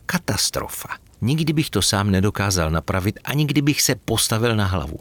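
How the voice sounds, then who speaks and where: A man narrating a storybook with gentle, expressive reading. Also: lowish voice.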